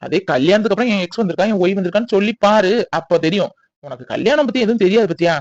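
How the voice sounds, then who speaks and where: A man's voice: high-pitched, lively intonation, very fast, no echo. A man voicing a sarcastic male inner conscience who lectures and mocks the hero, on slightly dull audio. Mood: scolding. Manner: lecturing, mocking.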